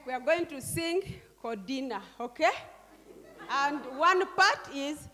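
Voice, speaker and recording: A woman's voice: high-pitched, lively intonation, takes it slowly, pushed and bright. An older woman leading a group workshop, coaxing and directing people with frequent questioning tags. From Uganda. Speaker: workshop facilitator. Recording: long hall reverb.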